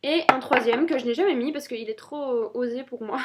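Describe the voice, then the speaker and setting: A woman's voice: high voice, fairly quick, slight background noise. A woman, chatting through a casual product review with many fillers and restarts. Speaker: beauty vlogger.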